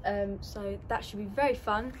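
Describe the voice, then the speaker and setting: Chatting upbeat and rambling, a young equestrian vlogger records herself on an arm's-length phone outdoors at a stable yard and in a horse lorry. Her voice is mid-range and steady at a normal speed, set against a noisy background.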